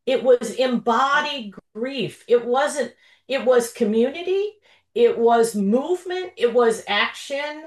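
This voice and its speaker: A woman's voice: on the high side, expressive, slow pace, reverberant. A woman joining a video call, sharing a personal story emotionally, with many fillers and restarts. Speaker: participant.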